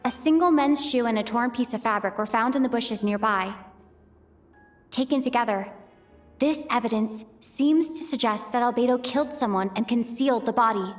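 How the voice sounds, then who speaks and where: Here a woman gives a natural, moderately paced reading as a thoughtful young traveler in a fan-dubbed cutscene, methodically working through clues in her head and questioning her own conclusions. Her voice sits a bit higher than the average female voice. Quiet game music hums in the background of this inner monologue.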